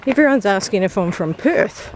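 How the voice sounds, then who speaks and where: Her mid-range voice is animated and moves at normal speed, with a little hiss or hum on the recording. She's a hiker vlogger with a mild New Zealand accent, laughing frequently while chatting to the camera on a bush trail.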